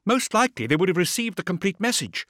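A man voicing a brisk female communications officer on a warship bridge, giving clipped technical reports in a raised voice. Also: high-pitched, sing-song, a bit bright, dry recording, studio quality, pitched above the performer's own voice. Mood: brisk reporting.

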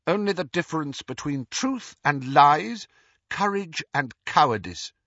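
A man's voice: on the high side, expressive, unhurried, a bit bright, dry recording, voice pushed up, heavily acted. A man voicing a stern, icy old professor woman. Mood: sharp. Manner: cold, clipped, precise. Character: stern older female professor. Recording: dull dry lo-fi recording.

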